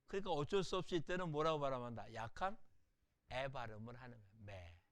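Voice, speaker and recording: Lively man teaching a language lecture. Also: mid-range voice. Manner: explains patiently, asks rhetorical questions and answers them himself; repeats example words slowly and softly. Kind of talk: recorded online lecture.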